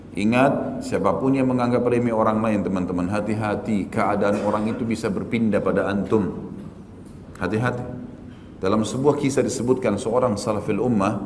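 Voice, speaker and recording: A man, an Islamic preacher, giving a conversational religious study lecture with everyday examples and Arabic phrases, his pitch jumping up for emphasis. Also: darkish tone, a little hiss or hum. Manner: rises sharply in pitch for emphasis. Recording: reverberant hall with faint ambience.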